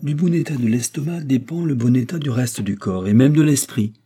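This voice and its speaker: A man voicing a genial king from a storybook reading, hearty and insistent and plainly fond of his supper. The voice sits raised above the reader's usual low pitch. It keeps a dark, husky grain. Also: a little fast, natural voice. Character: genial, well-fed old-regime king.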